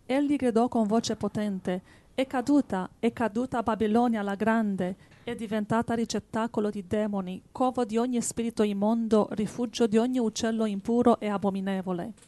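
A woman reading Bible verses aloud in a quiet, steady voice. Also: a little high, normal speed, dry recording. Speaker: scripture reader.

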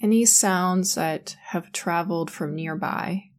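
Slow, soothing woman guiding meditation. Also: on the low side. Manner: slow, soothing and calm, with long pauses. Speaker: meditation guide. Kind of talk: guided sleep meditation.

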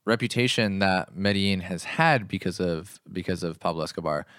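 A man's voice: deep voice, normal speed, a bit bright, no echo, studio quality. A young man co-hosting a casual chat, telling travel stories in a laid-back way and swearing casually. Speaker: podcast co-host.

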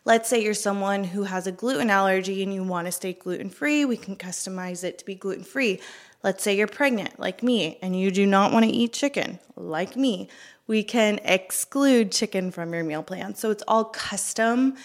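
A woman's voice: medium pitch, moderate pace. A young woman fitness coach talking casually and chattily to her viewers, a little out of breath, with lots of fillers. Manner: chatty, upbeat, filler-heavy. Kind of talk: casual talk to camera.

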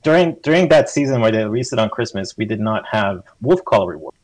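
A man's voice: lowish voice, expressive, quick pace, darkish tone, no echo, poor audio. A man talking casually about a game on a podcast, rambling with many restarts and acting out quotes. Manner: rambling, restarts often, acts out quotes animatedly. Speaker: podcast guest. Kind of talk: casual gaming discussion.

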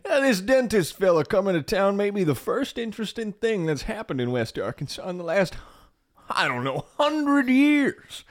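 An actor playing a folksy, rambling middle-aged town drunk father, cheerful and dim, in a comic audio drama. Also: high voice.

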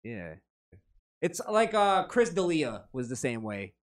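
A man's voice: mid-range voice, very animated, slow. A man co-hosting a casual comedy podcast, joking and arguing with friends. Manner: argumentative, joking, laughs often. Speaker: podcast co-host.

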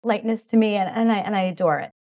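A woman's voice: mid-range voice, fast talker, darkish tone. A middle-aged woman talking as a podcast guest in an enthusiastic, rambling way, full of "like" and "you know.". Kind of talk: casual interview chat.

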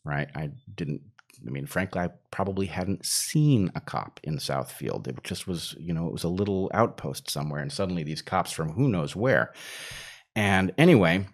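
Speaking in a very deep, low voice at normal speed, a male storyteller guest shares a long personal anecdote in an easygoing, conversational style. His intonation is lively as he meanders, restarts, and pads sentences with fillers before finding his way back on track.

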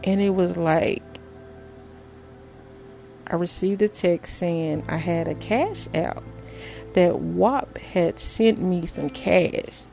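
A middle-aged woman vlogging to her viewers in a casual, storytelling way, excitable and given to dramatic repetition. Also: lowish voice, takes it slowly, vocal fry, pauses often, soft background music.

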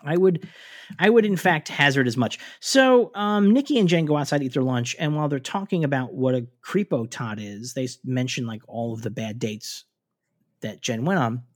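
In a relaxed podcast chat, this mid-range male co-host recaps a TV episode at normal speed, his talk peppered with fillers and restarts.

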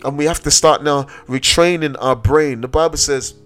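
A man's voice: on the high side, normal speed, fairly bright tone, soft background music. A man preaching a sermon with emphasis, repeating key phrases and drawing out the words he stresses.

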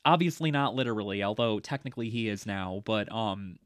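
A man's voice: on the low side, animated, a little fast, smooth, no echo, clean studio sound. A man co-hosting a podcast, chatting casually about a film, with lots of fillers and frequent laughter. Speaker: podcast co-host. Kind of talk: casual movie discussion.

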